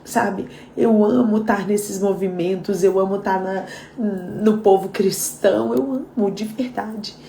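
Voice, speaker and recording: Brazilian woman, devotional leader, warm dark tone with gravelly fry, echoey room. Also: medium pitch, steady tone, unhurried, slight background noise. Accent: Brazilian Portuguese. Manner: heartfelt, chatty, addresses listeners directly. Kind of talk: live devotional talk.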